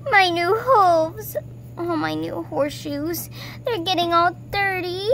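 A woman's voice: very high-pitched, animated, measured pace, fairly bright tone, full character voice. A woman voicing a spoiled female horse in amateur toy role-play, whining, indignant and melodramatic. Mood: whiny, disgusted. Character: spoiled, whiny female horse, a drama queen. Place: outdoors, close to handheld camera. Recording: noisy handheld outdoor recording.

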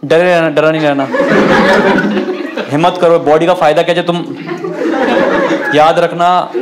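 A man's voice: a little high, level tone, a little slow, heavy background noise. A man doing stand-up crowd work, teasing the audience at a live comedy club show.

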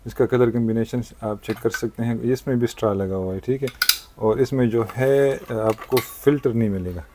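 Male shopkeeper, mid-range voice, brisk polite sales patter in a market shop with a faint noise floor. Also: medium pitch, dark tone. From Pakistan. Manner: brisk salesman patter, frequent "thik hai" and "janab-e-wala". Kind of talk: product demonstration sales pitch.

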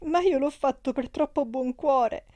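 A woman voicing a passionate, tearful young circus horsewoman who pleads in high, crying tones. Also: unhurried, a little mellow. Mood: pleading.

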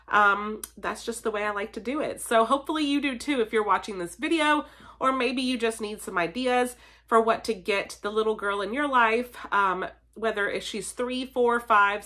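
Sitting indoors in her basement facing the camera, a vlogger and stay-at-home mom in her thirties talks casually despite a stuffy, cold-congested voice. Her pitch runs on the high side, pushed and bright. She's cheerful throughout, her speech peppered with ums and likes.

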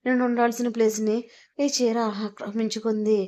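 A woman's voice: a little high, little pitch movement, moderate pace, warm tone, close to an everyday voice. A woman voicing a playful, insistent young husband who teases his wife, in a romantic audio story. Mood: teasing. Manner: teasing, coaxing.

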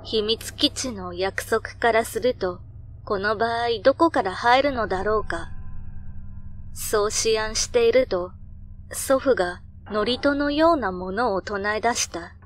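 A woman reading a scripted ghost story in a measured storytelling manner. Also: a little high, a little hiss or hum. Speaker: narrator of horror stories. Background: background music.

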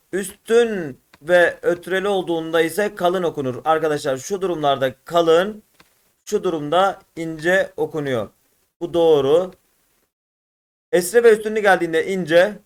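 A man with a Turkish accent teaching an exam-prep lesson, working through test questions and repeating syllables slowly. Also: fairly high pitch. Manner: addresses viewers as friends, repeats syllables slowly and drawn out. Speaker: religious studies teacher.

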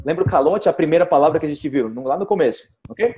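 A Brazilian man teaches everyday Portuguese expressions to a group on a video call. His voice sits a little high, and he keeps repeating examples and asking "ok?". The sound is video-call audio. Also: expressive, quick pace, dark tone, muffled recording. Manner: patient, repeats examples, says "ok?" and "cara" often.

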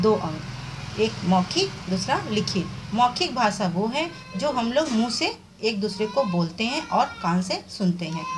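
A woman teaching with a fairly high voice, who poses a question to her class and then answers it herself. She explains slowly and step by step, like a revision lesson. Faint noise sits under the recording. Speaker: Hindi teacher.

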